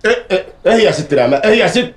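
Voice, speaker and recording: An actor with an Egyptian accent playing a brash, jokey young man at a government office. He talks loudly and teasingly and flares up quickly. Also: high voice, lively intonation. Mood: bantering. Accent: Egyptian Arabic. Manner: loud, teasing, quick-tempered. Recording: echoey room with crowd noise.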